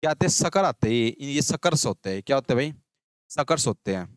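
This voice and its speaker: Brisk male tutor drilling terms. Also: medium pitch, lively intonation, dry recording. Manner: drills terms with repeated call-and-response questions. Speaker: agriculture teacher. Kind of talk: exam-prep lecture.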